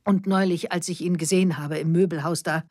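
A woman's voice: on the low side, fairly even intonation, a little fast, darkish tone, dry recording, studio quality, lightly acted. A woman voicing a nervous middle-aged mother who pleads and defends herself, read as part of an audiobook story. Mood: defensive. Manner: pleading, flustered.

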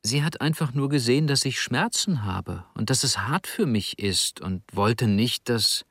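A hurt young woman in pain speaks quietly and haltingly, as a male audiobook reader voices her. Her voice is set a little higher than the reader's own. The recording is close and dry. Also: dry recording.

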